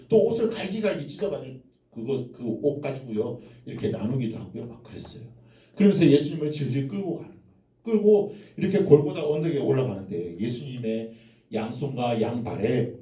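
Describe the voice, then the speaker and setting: A male pastor telling a children's sermon, animated and asking listeners questions. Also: mid-range voice. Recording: echoey room, far from the mic.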